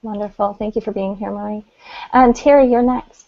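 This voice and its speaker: A woman's voice: mid-range voice, fairly even intonation, moderate pace, creaky. A woman casually hosting a live online session and handing over to participants. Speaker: host. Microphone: video call. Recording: dull lo-fi video call audio.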